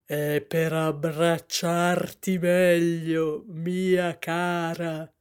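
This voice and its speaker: A big, sly storybook wolf passing himself off as a sweet grandmother, put on by a woman reading aloud. The voice is smooth and level, spoken at a crawl with false gentleness. Underneath the sweetness sits a hungry predator. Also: on the low side, little pitch movement, very slow. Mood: falsely sweet.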